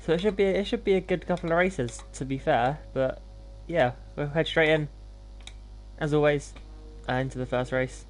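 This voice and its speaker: A man's voice: fairly high pitch, moderate pace. A man hosting a gaming livestream, talking in an informal, laid-back, self-deprecating way as he commentates. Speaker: live streamer hosting gameplay.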